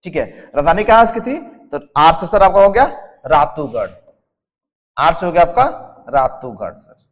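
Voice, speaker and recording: A man whose voice is a little high, with lively intonation and a moderate pace, teaches in a room that sounds big. He has a Jharkhand Hindi accent and is running an exam-prep whiteboard lesson with a mnemonic. Quizzing the class, he drills answers as questions, repeats each term over and over, and keeps using a respectful "sir" with the students.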